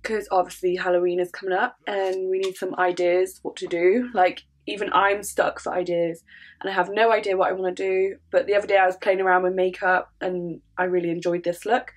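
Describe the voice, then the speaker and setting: A woman's voice: lowish voice, little pitch movement, fairly quick. A woman with a congested, sniffly voice chatting casually through a makeup tutorial, filling her talk with "um" and "like". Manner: chatty, many fillers like "um" and "like". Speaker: makeup vlogger.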